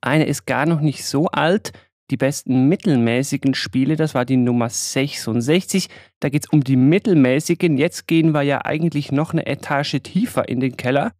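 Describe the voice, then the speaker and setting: A man hosting a casual podcast, talking in a relaxed, conversational way and guiding his guest with questions. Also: medium pitch, moderate pace, no echo, studio quality. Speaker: podcast host.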